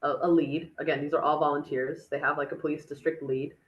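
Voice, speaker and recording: A woman's voice: sits low, level tone, fast, highs cut off. A woman answering audience questions at a tech meetup, casual and chatty with many fillers and restarts. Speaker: speaker on a city dashboard, chief of staff.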